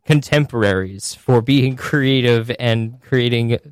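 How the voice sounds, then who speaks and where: A man's voice: mid-range voice, takes it slowly, clear, resonant tone, no room sound. A man hosting a casual chat, rambling along with many fillers and asides. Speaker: podcast host.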